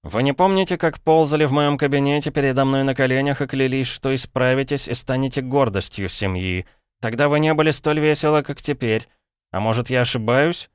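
A man's voice: mid-range voice, a little fast, smooth, dry recording, clean studio sound, pitched above the performer's own voice, lightly acted. A man doing a desperate old man in a boy's body. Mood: accusing. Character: elderly man trapped in a schoolboy's body, desperate and indignant. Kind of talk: audiobook character reading.

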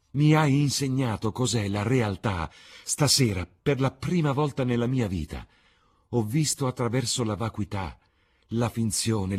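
A man's voice: medium pitch, darkish tone, breathy edge, pitched above the performer's own voice. A man reading an audiobook, voicing a young actress who pours out her love in an exalted, pleading way. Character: young actress woman, rapturous, lovestruck.

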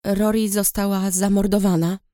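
A woman's voice: medium pitch, flat delivery, normal speed, dark tone, no room sound, studio quality, natural voice. A woman voicing a shaken young woman rider who asks hesitant questions, in an audiobook reading. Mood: unsure.

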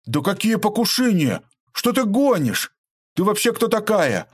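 A man's voice: lowish voice, lively intonation, moderate pace, dry recording, clean studio sound. A man reading an audiobook aloud, voicing a sullen young man in debt who grumbles and panics.

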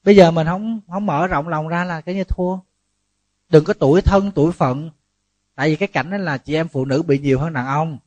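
A man, a Buddhist monk giving a lively, humorous sermon full of rhetorical questions. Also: on the high side, brisk, no room sound.

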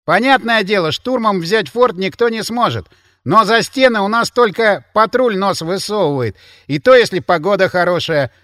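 A man voicing a loud, sarcastic male drinking companion who lectures his friends. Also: sits high, lively intonation, moderate pace, dry recording, studio quality, voice pushed up. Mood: sarcastic lecturing. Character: brash loud male bar companion, mocking.

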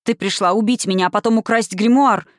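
A woman's voice: mid-range voice, brisk, no echo, studio quality, close to an everyday voice. A woman reading an audiobook, voicing an accusing, menacing witch who snarls and hisses. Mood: demanding, furious. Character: bitter, menacing witch, woman, middle-aged.

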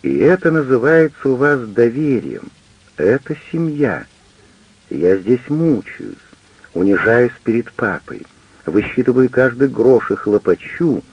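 A man with a gravelly, husky voice voicing an indignant, hurt middle-aged wife who argues with her husband in an audiobook. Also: mid-range voice, sing-song, unhurried, no room sound, lo-fi sound, pitched above the performer's own voice, heavily acted. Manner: reproachful, heated, pleading.

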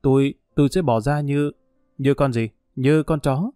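A man's voice: medium pitch, a little slow, mellow, clean tone, dry recording, clean studio sound, soft background music, lightly acted. A man voicing a cowardly, cornered gang member who stammers. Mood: panicky. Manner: stammering, panicky.

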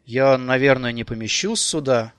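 A man voicing an awkward teenage boy who answers haltingly and shyly in an audiobook. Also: mid-range voice, a bit bright, clear, resonant tone, no echo, natural voice. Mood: hesitant. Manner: hesitant, halting.

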